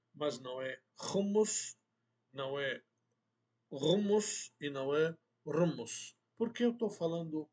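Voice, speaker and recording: A man gives a language lesson in an unhurried, deliberate way. His voice sits a little high for a man, and he repeats words again and again to drive a point home. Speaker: Arabic teacher.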